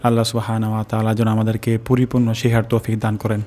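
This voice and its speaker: A man teaching careful pronunciation of a prayer phrase, stretching each syllable out slowly to demonstrate it. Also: on the low side, monotone, warm tone. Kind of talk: recitation lesson.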